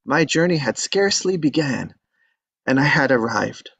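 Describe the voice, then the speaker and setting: A man's voice: medium pitch, lively intonation, moderate pace, creaky, a bit bright, breathy edge, dry recording, full character voice. A man reading an earnest, polite eighteen-year-old young man in a table read. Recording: dull lo-fi audio.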